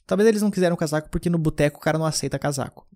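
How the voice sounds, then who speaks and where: This podcast host, a young southern Brazilian, speaks at a racing clip in a somewhat high, slightly mellow voice. His casual storytelling rambles from anecdote to anecdote, full of filler and constant restarts.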